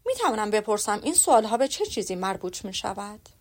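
A woman reading the lines of a proud, reserved young gentleman in a formal, restrained way. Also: mid-range voice, big pitch swings.

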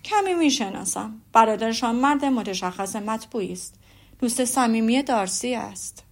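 A woman reading the lines of a polite army officer in a storybook, courteous, frank and measured. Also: on the high side, lively intonation. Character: polite gentlemanly younger-son army officer.

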